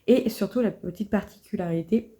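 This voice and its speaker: Mellow-voiced woman chatting casually. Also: medium pitch, normal speed. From France. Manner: chatty, many fillers and restarts, soft asides. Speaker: book and coloring vlogger. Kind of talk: casual vlog chat.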